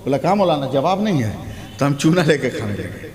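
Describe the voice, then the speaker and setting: A man giving a humorous sermon at a public gathering, telling a story and acting out the dialogue, often rising to shouts. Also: a little high, very animated, fairly quick. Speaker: Islamic preacher. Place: large hall at a public gathering. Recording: long hall reverb with loud crowd.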